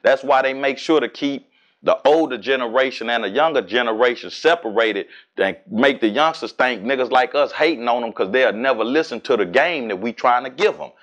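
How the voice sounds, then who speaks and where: A man in his forties from Houston with a Southern accent, talking casually and profanely as an interview guest, animated and streetwise. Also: medium pitch, a little fast. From Houston, Texas. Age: 40s. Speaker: rapper and guest.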